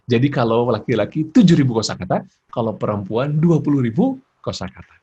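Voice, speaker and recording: Male parenting speaker, lively and expressive, slightly husky voice, dull-sounding recording. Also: medium pitch, a little fast. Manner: expressive, laughs often, acts out examples.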